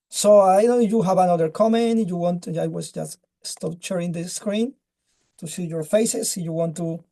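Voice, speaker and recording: Casting note: a man with a mellow voice, halting and restarting on a video call. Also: high-pitched, vocal fry. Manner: halting, searches for words, many restarts. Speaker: webinar speaker. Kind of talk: casual presentation and chat.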